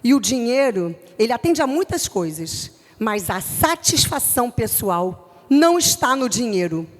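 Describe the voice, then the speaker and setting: A middle-aged woman from Brazil with a Rio de Janeiro accent, preaching to a youth group with forceful, emphatic delivery. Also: fairly high pitch, very animated, a little slow, in a large hall. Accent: Rio de Janeiro Portuguese. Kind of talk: youth church sermon.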